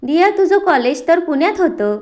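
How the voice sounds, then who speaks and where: A woman's voice: extremely high pitch, sing-song, normal speed, darkish tone, pitched above the performer's own voice. A woman voicing a fussy middle-aged mother who grumbles and teases her family. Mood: grumbling.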